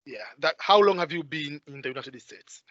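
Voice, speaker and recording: A man with a rather high, bright voice hosts an interview over a video call. He pauses often with hesitant fillers. The sound is dry and somewhat dull, like call audio. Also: no room sound. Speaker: host.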